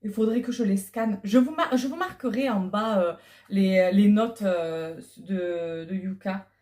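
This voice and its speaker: A middle-aged woman vlogger chats casually through an unboxing on a clip-on lapel mic, hesitant and using many fillers. Her mid-range voice is a little mellow and a little slow.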